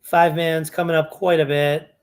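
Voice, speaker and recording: A man's voice: on the high side, level tone, moderate pace, clean tone. A man talking through fantasy hockey lineups in a casual walkthrough, thinking aloud and correcting himself as he goes. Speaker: fantasy sports analyst. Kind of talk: casual screen-share walkthrough.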